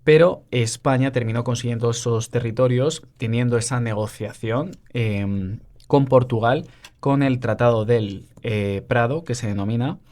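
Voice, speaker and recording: Man, mid pitch, casual podcast explainer, fillers and pauses. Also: darkish tone. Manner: explains with many fillers and asides. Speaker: podcast co-host.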